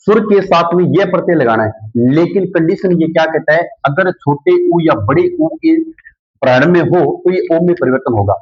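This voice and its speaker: A man's voice: on the high side, husky. A male teacher giving a grammar lesson, who keeps asking questions and answering them himself, repeating the key words. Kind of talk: classroom-style grammar lesson. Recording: dull lo-fi recording.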